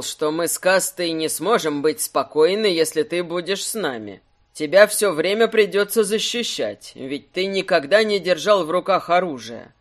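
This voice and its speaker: Brief: man playing a laid-back, wry rogue for an audiobook, low and slow. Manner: calm, wry, low and unhurried. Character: easygoing, wry male rogue adventurer.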